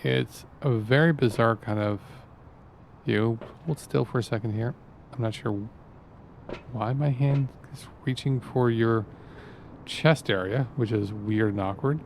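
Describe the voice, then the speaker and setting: A man with a Canadian accent, French his first language, hosts a game stream in a loose, rambling way. His pitch sits in an ordinary middle register, and faint noise hums under his voice. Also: measured pace, vocal fry. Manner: rambling, explains at length to the viewers. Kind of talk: casual live-stream commentary.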